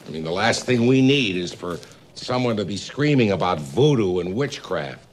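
Tired older police detective, lowish voice that moves around a lot, film scene with music. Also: male voice, very animated, normal speed, slight background noise. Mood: weary, uneasy. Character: weary older male detective in charge. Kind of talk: film acting.

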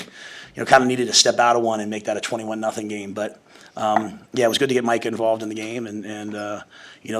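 A head football coach in his forties fields questions at a postgame press conference, speaking into a podium mic. His medium-pitched voice has a fairly bright tone, and he talks fast and conversationally, with lots of restarts and fillers.

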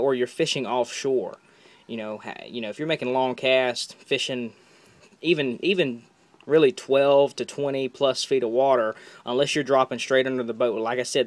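Young man, casual unboxing chat, enthusiastic, rambling, repeats himself, close camera mic. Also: medium pitch. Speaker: fishing vlogger.

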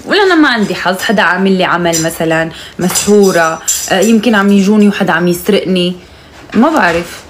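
A young Moroccan woman with a Moroccan accent, chatting casually and teasingly on a live stream, now and then calling out loudly to her mother. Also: lowish voice, expressive, quick pace, a little hiss or hum.

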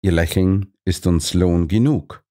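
A man voicing a gentle male doctor who speaks in a hushed, whispering way. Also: low-pitched, a little slow.

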